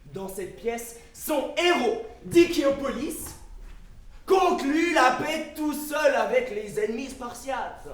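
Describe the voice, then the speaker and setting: A man's voice: very high voice, animated, takes it slowly, full character voice. A man playing a playwright who narrates theatrically to the audience in a stage comedy. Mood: emphatic, presenting. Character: ancient comic playwright presenting his own antiwar plays. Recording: echoey hall from far off.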